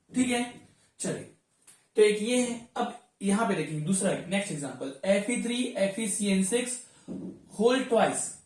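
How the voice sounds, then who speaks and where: A classroom teacher walks students through a chemistry lesson, calling them "beta" and stopping often to check they follow. The voice rings through a strongly echoing room. It sits some distance from the microphone. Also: medium pitch. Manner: addresses students as 'beta', often checks understanding. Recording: very echoey room, voice far from mic.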